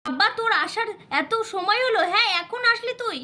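A woman's voice: extremely high pitch, animated, bright, forceful tone, exaggerated voice. A woman voicing an impatient, scolding elder sister in a doll puppet show. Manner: scolding, complaining, rapid.

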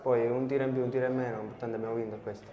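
A man's voice: mid-range voice, level tone, very fast, warm tone, lo-fi sound. A man in his twenties with a Sicilian Italian accent, speaking casually as a footballer in a post-match interview. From Sicily, Italy. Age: 20s. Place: press backdrop after the match. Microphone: small clip-on mic on polo. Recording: echoey reverberant room.

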